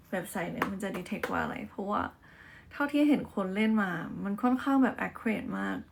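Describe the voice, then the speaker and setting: A woman's voice: medium pitch, vocal fry, a little hiss or hum. A woman with a Thai accent, a native Thai speaker, hosting a casual livestream chat into a phone mic and switching between chatty Thai and careful English. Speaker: livestream host.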